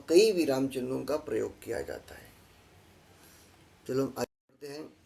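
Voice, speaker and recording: Higher-pitched man teaching a slide lesson. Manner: explains patiently, repeats key phrases, pauses with fillers. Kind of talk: classroom lesson over slides.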